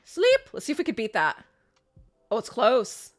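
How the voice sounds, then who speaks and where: Her pitch swoops wildly from a fairly high base as she talks at a moderate pace. The young gaming content creator is chatty and upbeat while commentating her gameplay, though a sinus infection leaves her sniffly, and she records indoors on a desk mic.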